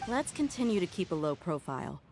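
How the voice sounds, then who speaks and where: A thoughtful young female ally in a video game, with a slightly low voice and a measured, reassuring way of talking. There is a faint hiss behind her. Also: very animated. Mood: calm.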